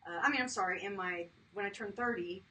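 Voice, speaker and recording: A woman's voice: medium pitch, quick pace, bright, forceful tone. Chatty fifty-something woman guest, laughs easily, recorded from a distance. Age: 50s. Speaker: guest, chiropractor. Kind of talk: casual interview talk. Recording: distant mic with faint background noise.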